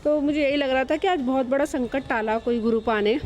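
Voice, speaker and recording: A woman's voice: high-pitched, fairly quick, a little mellow, highs cut off. Chatty woman telling a devotional story. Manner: chatty, hesitant, many fillers. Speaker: devotee sharing a testimony. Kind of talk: casual spoken testimony. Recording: faint background noise.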